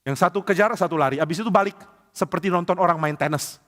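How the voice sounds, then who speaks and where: Casting: lively, high-voiced male preacher, playful storyteller, long reverb of a church hall. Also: quick pace. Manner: animated, playful, with colloquial asides and sound effects. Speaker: pastor. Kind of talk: storytelling sermon. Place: church service.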